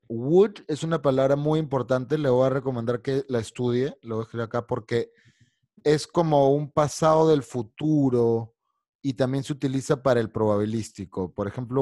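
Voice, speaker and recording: Brief: bilingual male teacher, mid pitch, dry sound, patient step-by-step explainer on a video call. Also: warm tone, no echo. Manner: explains patiently, mixing Spanish and English. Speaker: English teacher. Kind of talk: online English class.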